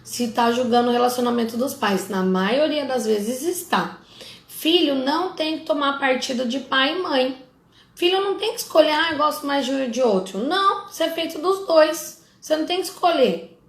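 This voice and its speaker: A middle-aged Brazilian woman therapist talks straight to her audience in a high voice with a gravelly edge. She is blunt and scolding and keeps throwing in casual asides. The room around her sounds echoey. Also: normal speed. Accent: Brazilian Portuguese. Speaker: family constellation therapist. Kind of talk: casual talk to followers.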